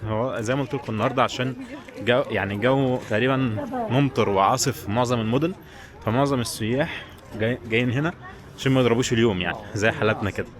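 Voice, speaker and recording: Rapid-fire and mid-range in voice, a man with an Egyptian Arabic accent keeps up informal vlog chatter with viewers while walking through a tourist village, mostly outside. The recording picks up the crowd at the tourist site and people's voices.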